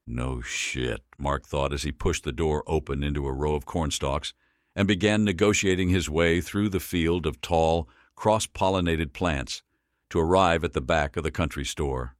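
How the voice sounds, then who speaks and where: A man narrating an audiobook in a measured, deliberate reading. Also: rumbling low, no room sound, studio quality. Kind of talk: scripted narration.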